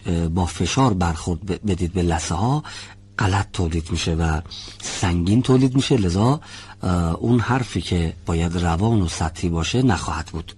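A man teaching Quran recitation in a classroom lesson, patiently demonstrating sounds and reciting words in a slow, drawn-out chant. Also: low voice, darkish tone, breathy edge.

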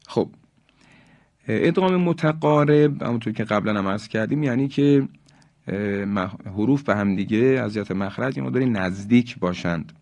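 Male recitation teacher, lowish voice, dry studio sound; fast explanations broken by slow, chanted sample words. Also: darkish tone, no echo. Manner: explains in quick bursts between examples. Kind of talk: recorded tajweed lesson.

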